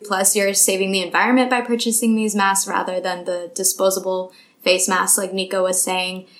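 A woman's voice: medium pitch, little pitch movement, normal speed, a bit bright. A woman co-hosting a podcast in a bubbly, upbeat casual chat, reading a sponsor segment. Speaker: podcast co-host.

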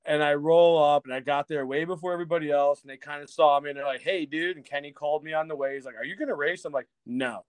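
A man's voice: on the high side, level tone, very fast, hardly any pauses, clear, resonant tone, no echo. A middle-aged man, a guest on a podcast, telling a rambling story in a self-mocking way, laughing and swearing freely and acting out what others said. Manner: rambling with restarts and acted-out dialogue. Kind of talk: casual storytelling chat.

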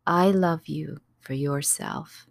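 Woman voicing a gentle, soft-spoken male prophet. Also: fairly even intonation, vocal fry, dry recording, heavily acted. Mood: tender. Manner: soft, low and slow. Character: gentle, calm male prophet speaking tenderly.

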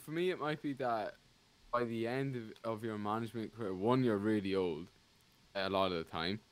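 Rambling podcast co-host. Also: male voice, fairly low pitch, normal speed. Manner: rambling, restarts often, animated. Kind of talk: casual football chat.

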